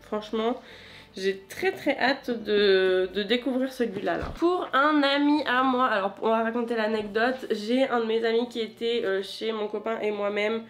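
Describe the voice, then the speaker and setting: Une femme qui présente un vlog littéraire sur un ton de conversation détendue, bavarde et ponctuée d'hésitations. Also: female voice, on the high side, moderate pace. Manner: chatty, many hesitations. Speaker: book vlogger. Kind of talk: casual vlog chat.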